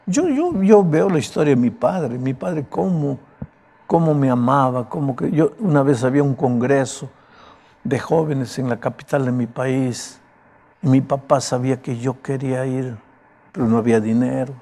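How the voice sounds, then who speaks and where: Emphatic and conversational, a male pastor gives a sermon in a broken, raspy voice. It is mid-range, moderately paced, and dark in tone.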